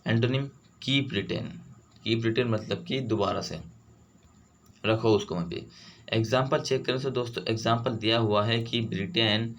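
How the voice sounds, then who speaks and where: A man giving an online vocabulary lesson for exam prep. He switches between Hindi and English, reads the English words slowly, and keeps saying "theek hai" and "doston". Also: fairly low pitch, a little hiss or hum. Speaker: vocabulary teacher.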